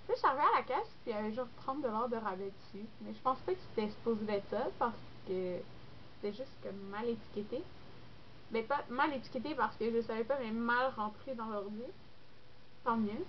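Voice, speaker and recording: With a brisk delivery and a slightly high voice, a young Québécois French-accented woman rambles casually to her camera, dropping lots of fillers. This beauty vlogger is clearly congested with a cold. Her lo-fi recording is dull and carries faint noise.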